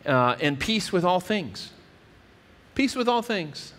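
A man's voice: high-pitched, sing-song, slow, fairly bright tone. Earnest male pastor in a reverberant church. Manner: earnest, explanatory preaching with frequent restarts. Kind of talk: sermon. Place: church stage with wood-paneled wall.

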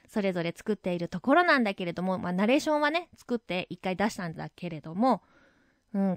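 A woman hosting her own web radio show, talking casually and reflectively, thinking aloud with soft asides. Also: medium pitch, dry recording, clean studio sound. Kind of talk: casual solo radio talk. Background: background music.

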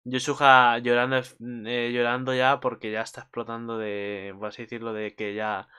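A man's voice: mid-range voice, little pitch movement, normal speed, pushed and bright, smooth. A man giving a casual, rambling recap of an anime episode, swearing often and restarting his sentences. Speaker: anime commentator.

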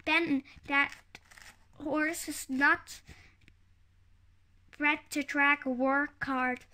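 A woman's voice: high-pitched, fairly even intonation, extremely slow, pushed and bright, full character voice. A woman reading the lines of a spirited, stubborn young girl in a storybook, eager and pleading.

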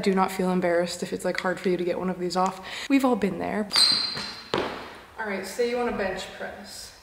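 In a casual instructional vlog, a fitness creator in her twenties offers encouraging gym tips for beginners, speaking close to the camera as she moves from the gym to a parked car to her bedroom. Her mid-range voice is a little mellow, and she's chatty, upbeat, and says "literally" a lot. The recording sounds roomy, with a little hiss or hum.

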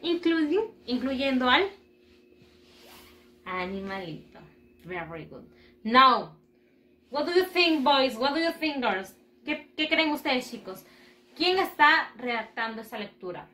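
Lady teaching kids english, swaps to a lot, super bright sing-song voice, says everything slow. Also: high voice, sing-song, echoey room. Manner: slow, exaggerated model pronunciation for repeating; switches between English and Spanish, encouraging. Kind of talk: bilingual online lesson for children.

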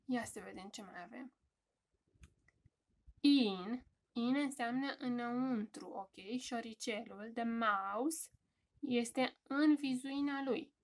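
A woman with a Romanian accent teaching English words to young children in a home-school lesson, repeating each word slowly and clearly. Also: a little high. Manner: slow, emphatic word drills with repetition.

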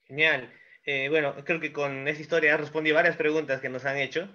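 A man's voice: fairly high pitch, flat delivery, brisk, pushed and bright, highs cut off. A man moderating a webinar, asking questions from the comments, hesitant with many fillers, on a video call.

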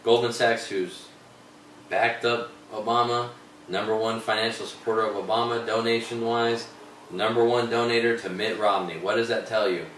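A man's voice: on the low side, steady tone, normal speed, a bit bright. A man hosting a casual political talk show, ranting in a heated, sarcastic way. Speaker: show host. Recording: echoey room, distant mic, faint noise.

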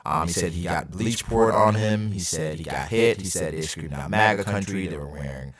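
Deep-voiced man hosting a podcast. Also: normal speed. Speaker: podcast host. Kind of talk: casual podcast chat. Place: small home room by a leather couch.

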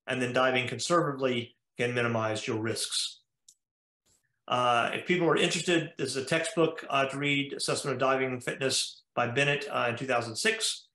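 A man's voice: on the high side, a bit bright. A male cardiologist with an American accent, giving a methodical slide lecture over a video call, explaining step by step with frequent "uh" fillers. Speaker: cardiologist lecturing at a diving conference. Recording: echoey room.

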